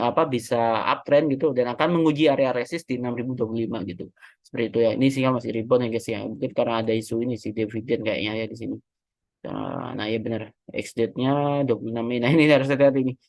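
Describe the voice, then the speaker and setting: Pria Indonesia pembawa kanal saham, gaya santai, banyak kata pengisi dan koreksi. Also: male voice, medium pitch, no echo. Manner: chatty, self-correcting, many fillers. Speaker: stock market analyst. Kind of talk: casual technical analysis walkthrough.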